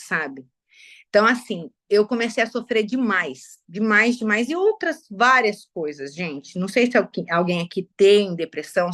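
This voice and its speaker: A woman's voice: mid-range voice, a bit bright. A middle-aged woman, sharing a personal testimony with a live audience in an emotional, confiding way. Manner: emotional, confiding, addresses listeners as "gente".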